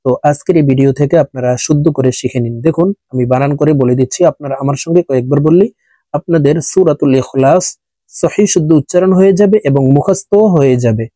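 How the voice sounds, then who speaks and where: A man teaching Quran recitation, spelling out letters and vowel marks one by one, then chanting the words slowly, with brisk explanations in between. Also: a little high, warm tone, no room sound. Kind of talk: slow spelled-out recitation lesson.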